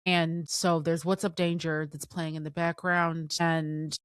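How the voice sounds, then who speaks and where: A woman's voice: sits low, flat delivery, unhurried, clean tone, no echo, studio quality. A woman co-hosting a podcast, talking about films in an enthusiastic, emotional way with lots of fillers. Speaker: podcast co-host. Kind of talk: casual film discussion.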